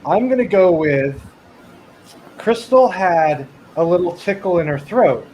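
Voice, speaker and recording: A man's voice: sits high, expressive, unhurried, a little mellow, slight background noise. A man co-hosting a podcast, talking in a hesitant, rambling way. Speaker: podcast co-host. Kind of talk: casual chat.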